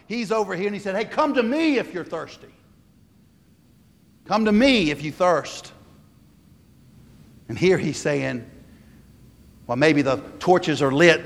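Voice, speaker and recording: A man preaching a sermon with an emphatic delivery, often pausing and restarting phrases. His voice sits a little high for a man. A long reverb trails each phrase, as in a large church hall. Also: fairly bright tone. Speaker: pastor.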